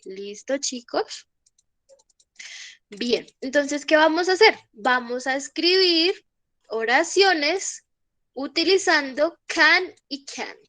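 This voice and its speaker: A woman teaching English over a video call, her voice slightly thick from a cold. She speaks slowly and patiently, with a fairly high, bright tone. The sound is close and dry. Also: animated, no room sound. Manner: patient, explains slowly, laughs at own jokes. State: has a cold. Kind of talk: online class teaching.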